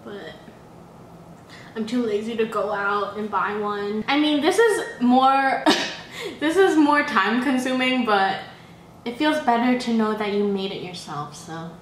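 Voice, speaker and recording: Mukbang host, woman, high-pitched and unhurried, echoey home room. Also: slight background noise. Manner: relaxed, self-deprecating, mmm-ing while eating. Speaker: mukbang vlogger. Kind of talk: casual chat while eating.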